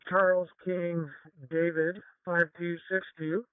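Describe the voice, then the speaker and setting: A man's voice: high-pitched, level tone, slow pace, clear, resonant tone, no room sound. A man giving terse officer updates over police radio. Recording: narrowband, phone-like police scanner radio.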